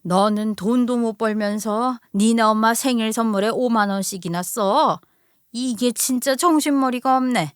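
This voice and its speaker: A woman voicing a harsh, insulting older mother-in-law who shouts and scolds, in a storybook radio reading. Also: on the high side, moderate pace, clean tone, no echo, clean studio sound, close to an everyday voice. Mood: furious.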